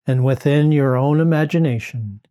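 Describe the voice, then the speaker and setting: Male relaxation guide, middle pitch, unhurried and mellow, soothing delivery. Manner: slow, soothing, drawn-out phrasing.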